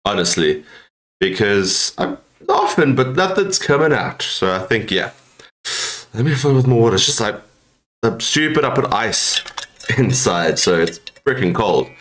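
A man's voice: mid-range voice, very animated, normal speed, fairly bright tone. A young man giving casual reaction commentary, trying not to laugh and breaking into chuckles. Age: young adult. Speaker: host of a reaction video challenge. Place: plain indoor room.

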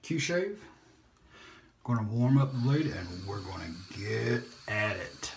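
A man's voice: lowish voice, slow pace, a little hiss or hum. A man chatting casually while he shaves, rambling and poking fun at himself, sometimes sliding into a whisper. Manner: rambling and self-deprecating, drops to whispers at times. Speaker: shaving vlogger. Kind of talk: casual narration while shaving. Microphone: phone or camera on a holder. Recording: roomy home recording.

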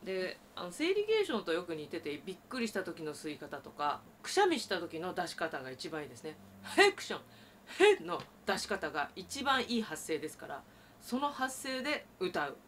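A woman teaching traditional Japanese singing, explaining breath and voice and breaking into loud sustained sung tones. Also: on the low side, very animated, normal speed, a little hiss or hum. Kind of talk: vocal lesson with sung demonstrations.

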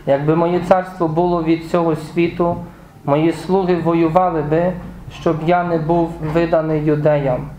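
A man reading the words of Jesus on trial in a liturgical Passion reading in church, with a measured, even delivery. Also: fairly high pitch, a little hiss or hum, natural voice. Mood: solemn. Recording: echoey church room.

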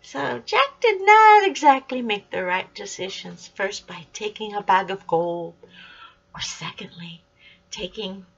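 An older woman reading a children's storybook aloud, animated, dropping into whispered asides, recorded with a dull lo-fi sound. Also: mid-range voice, creaky, slightly rough.

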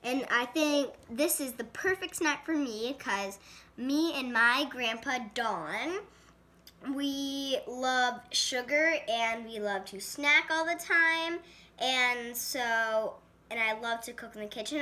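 Woman showing a recipe on camera, slow chatty steps, kinda high bright voice. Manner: chatty, talks through each step to viewers. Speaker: cooking vlogger. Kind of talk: casual cooking demonstration.

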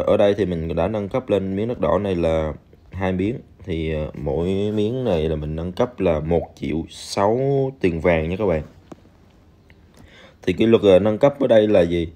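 A chatty game reviewer with a low, warm voice talks viewers through a casual screen-recorded walkthrough, addressing them directly with lots of fillers. It's a voice-over on the screen recording.

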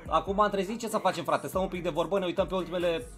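A man's voice: high-pitched, fairly bright tone, faint music behind. A man hosting a casual live stream, chatting with viewers, greeting them by name, repeating himself and urging them to hit like. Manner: chatty, greets viewers one by one, repeats phrases, pushes for likes.

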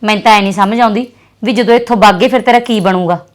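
A young woman with a Punjabi accent acting a sharp, scolding sister in a drama. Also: medium pitch. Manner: scolding and fast-talking. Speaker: actress playing a sister.

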